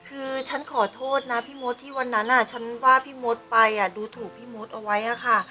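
Woman acting anxious new manager, high bright voice, excitable exclamations, soft music behind. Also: a little fast. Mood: pleading. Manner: excitable, frets and exclaims loudly. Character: newly promoted female employee, anxious and excitable. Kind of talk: online short drama acting.

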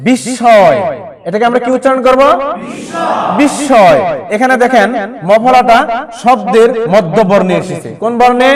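A male teacher with a high voice, recorded in a classroom. He keeps asking his students questions and then answers them himself, repeating each word. The noise of a crowd is clear behind him. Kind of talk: classroom lesson.

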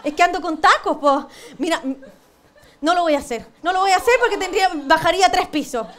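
A woman's voice: extremely high pitch, a little fast. A Chilean woman doing a stand-up comic monologue on a TV panel show, cheeky, self-mocking and crude in her punchlines. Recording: TV studio with audience laughter. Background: studio audience laughing.

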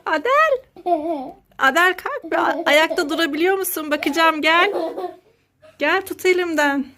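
High-voiced woman, dramatic vlog mom. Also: lively intonation, unhurried, bright, forceful tone. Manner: dramatic, exclaiming, sing-song fussing. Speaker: mother filming her child. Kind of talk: playful family skit vlog.

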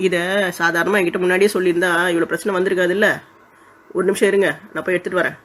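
Warm-hearted peacemaking elder sister, brisk and gently firm, acted. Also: medium pitch, flat delivery, a little hiss or hum, close to an everyday voice. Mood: mediating. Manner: soothing, scolding her sister gently, generous. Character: kind, calm elder sister who mediates. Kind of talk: comic village skit acting.

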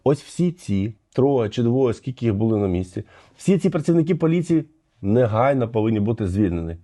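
Обурений чоловік з темним голосом. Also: male voice, medium pitch, very animated, brisk, mellow. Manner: indignant legal argument. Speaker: commentator. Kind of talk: commentary over video.

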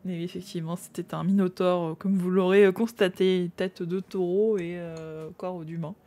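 A woman's voice: fairly low pitch, steady tone, moderate pace, warm tone. A young woman streamer chatting casually to her viewers while drawing, laughing often and muttering to herself.

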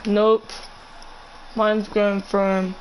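A man's voice: high voice, level tone, extremely slow, a little hiss or hum, low-quality recording. A young man with a London roadman accent and slang, bantering casually while streaming a game.

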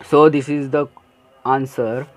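A man's voice: mid-range voice, fairly even intonation, slow pace. A man explaining an engineering problem over handwritten notes, hesitant, with fillers and self-corrections. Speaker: engineering tutor. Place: at a desk, filming a notebook.

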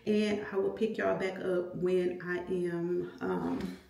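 A woman's voice: on the low side, takes it slowly, creaky, roomy sound, a little hiss or hum. A middle-aged woman chatting casually to her vlog viewers at home and in her car. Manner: chatty, animated, says "y'all" a lot. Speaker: vlogger, mother.

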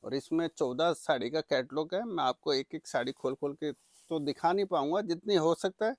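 A man presenting products for sale in an eager, repetitive teleshopping-style pitch. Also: moderate pace, no echo. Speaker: saree seller presenting products. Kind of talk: product sales demonstration.

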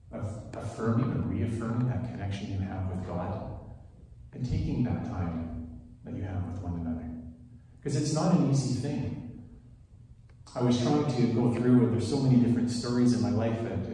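In a big wood-panelled church, a man in his forties from Switzerland, French being his first language, leads worship with a laid-back, storytelling sermon full of casual asides. His pitch is fairly low. He speaks into a handheld mic, but the distant recording picks up hall echo and a little hiss or hum.

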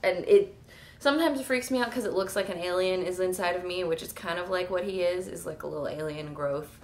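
A woman vlogging casually with a hoarse, fading voice, chatty and self-mocking and laughing often. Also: fairly low pitch, brisk, darkish tone, a little hiss or hum. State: hoarse, losing her voice. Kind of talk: casual pregnancy vlog.

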